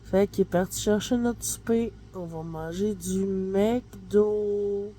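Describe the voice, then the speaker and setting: A chatty Québécoise mom vlogs casually at home, first in the kitchen and then in bed, filming on a handheld phone with no tripod. Her medium-pitched, warm voice is slow and fairly even in intonation, nasal from a stuffy nose, and she rambles with fillers like "là" and "tu sais" in Québécois French. A little hiss or hum runs underneath.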